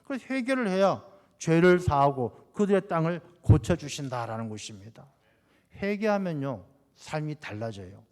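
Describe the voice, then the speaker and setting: A man's voice: a little high, very animated, normal speed, a little mellow. Male pastor, raised voice, sermon in a reverberant church hall. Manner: preaching, acting out quoted prayers and dialogue. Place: church sanctuary.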